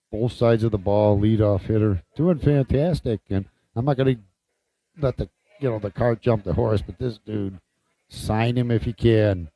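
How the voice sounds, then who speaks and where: A man's voice: on the low side, dry recording, dull audio. A man co-hosting a casual sports podcast, talking loosely and swearing freely. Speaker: podcast co-host.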